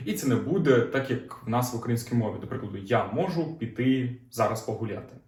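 A man teaches German grammar in a calm, explanatory way, going over each point again and asking his learners questions. His voice sits at an ordinary middle pitch. The room gives it a noticeable echo. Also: fast talker. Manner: explanatory, repeats "знову ж таки", asks learners questions. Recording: roomy echo.

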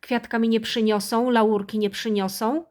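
A woman playing a self-pitying, house-proud, harsh middle-aged mother in a satirical character monologue, nagging and turning shrill when she scolds. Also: steady tone, normal speed, darkish tone, lightly acted.

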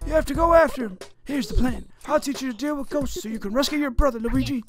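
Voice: sits high, quick pace, faint music behind, pitched above the performer's own voice, natural voice. A gamer voicing an eccentric old male ghost-hunting professor with theatrical old-timer phrasing while reading game dialogue. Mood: fussy. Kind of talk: let's-play voice acting.

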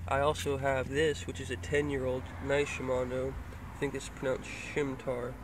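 Filming on a phone pointed down at his fishing gear, a young man from Florida shows it off casually from inside a car, with plenty of noise on the recording. He speaks at a moderate pace in a medium-pitched, flat voice, rambling and full of hesitant fillers.

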